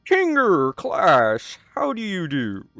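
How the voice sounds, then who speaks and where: A man's voice: sits high, huge pitch swings, slow pace, gravelly, a bit bright, no room sound, faint music behind, voice pushed up, exaggerated voice. A man voicing a manic, overly enthusiastic male principal who is a toothy ringmaster figure.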